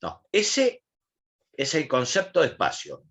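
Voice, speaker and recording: A man's voice: medium pitch, huge pitch swings, a little slow, a bit bright. A man with an Argentine accent teaching an online class, asking questions and explaining in a colloquial way. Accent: Argentine Spanish.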